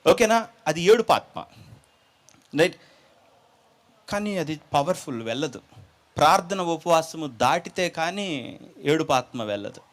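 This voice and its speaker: A male preacher tells a story with humor and acts out its characters. His voice sits fairly high and rises and falls a great deal. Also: measured pace, pauses often. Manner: animated, acts out dialogue, jokes with listeners.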